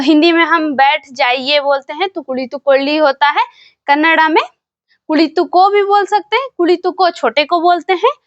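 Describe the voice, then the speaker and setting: A woman teaching phrases in a slow, patient lesson, repeating each one. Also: high voice, no room sound, highs cut off. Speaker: language teacher.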